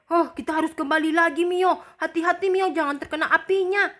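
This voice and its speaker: Protective older boy, high and bright, reassuring and bossy, as voiced by a woman in a game role-play. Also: fairly even intonation, a little fast. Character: calm older boy, protective big brother.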